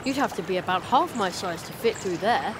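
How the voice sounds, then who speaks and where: A young boy adventurer in a video game. He is curious and polite, with lively rises and falls, over clear cricket and water ambience. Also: high voice, fairly quick, noisy background. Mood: musing. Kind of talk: video game character acting.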